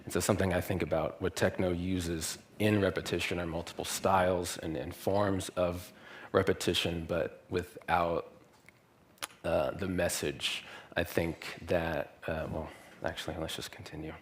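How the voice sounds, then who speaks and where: A young man from Louisiana giving a university lecture, relaxed and thinking aloud with many fillers. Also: low voice, unhurried, slight background noise. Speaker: guest lecturer.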